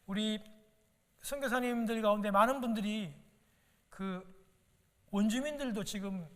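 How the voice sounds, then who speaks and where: A man's voice: high voice, fairly bright tone. A male pastor preaching a sermon in a church, emphatic, repeating words and asking rhetorical questions. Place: church sanctuary. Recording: long reverb of a church hall.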